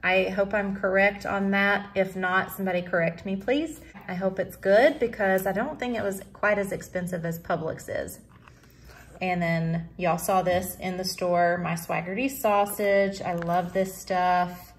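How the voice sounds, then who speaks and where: A woman's voice: medium pitch, steady tone, measured pace. A woman, chatting upbeat on a phone camera as she shows store items and then her haul at home. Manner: chatty and upbeat, says y'all. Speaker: vlogger. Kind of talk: casual shop-with-me narration. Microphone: phone camera held in hand. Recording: loud fan noise in a store. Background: loud store fans and ambience.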